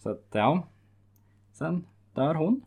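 A speaker in a relaxed podcast conversation with a middle-pitched voice. They explain things in an easygoing, unhurried way. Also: gravelly, breathy edge. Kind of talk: casual recap chat.

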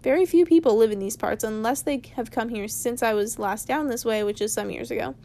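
A woman's voice: on the high side, fairly quick, dark tone, close to an everyday voice. A woman reading aloud as a cross, lecturing old male wizard from a storybook, in a voice close to her own. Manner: stern, lecturing.

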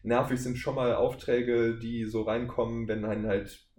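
This casual podcast interview features a voice actor and audio drama creator whose mid-range, darkish voice stays level at a normal speed. He explains his craft in an easygoing, conversational way. Echo and faint background noise come through in the recording.

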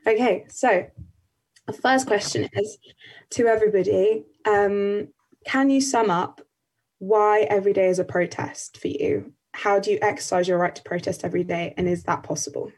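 An eighteen-year-old woman from England hosting and moderating a panel discussion in a brisk, upbeat way. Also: medium pitch, steady tone, a little mellow, husky, low-quality recording. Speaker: panel host.

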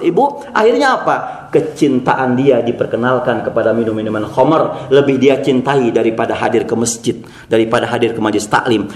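A man preaching a sermon to a congregation, telling stories with acted-out voices and rhetorical questions to the audience. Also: medium pitch. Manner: animated storyteller, asks the audience questions, acts out characters. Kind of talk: Islamic sermon storytelling. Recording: echoey hall.

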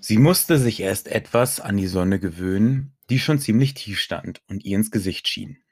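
A man reading a first-person audiobook story in a calm, even way. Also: fairly low pitch, moderate pace, breathy edge, no room sound, studio quality. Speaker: audiobook narrator.

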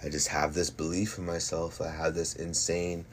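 A man with a very low voice talks himself up in a casual, cocky monologue, piling up repeated phrases for emphasis. His speech is slangy and boastful, with some noise behind him. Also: flat delivery, normal speed. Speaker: fighter. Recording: noticeable background noise.

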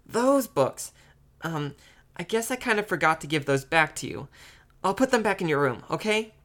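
A man's voice: a little high, animated, normal speed, fairly bright tone, voice pushed up. A man voicing a bratty little girl, a younger sister who whines, pouts and teases, in an amateur audiobook reading. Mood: childish. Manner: whiny, pouting and teasing.

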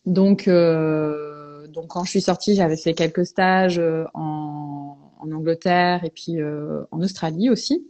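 A woman's voice: low-pitched, steady tone, takes it slowly, hardly any pauses, a little mellow. A woman from Belgium, a veterinarian guest, tells her story in a reflective, hesitant way in a casual podcast interview.

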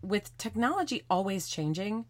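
A woman's voice: mid-range voice, sing-song, normal speed. A woman hosting a podcast in a casual interview style. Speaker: podcast host.

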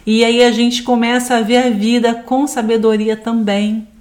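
A woman's voice: fairly high pitch, level tone, moderate pace, a little mellow. Brazilian woman teaching from scripture. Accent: Brazilian Portuguese. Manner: reflective, quotes scripture, asks the audience questions. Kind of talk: devotional teaching talk.

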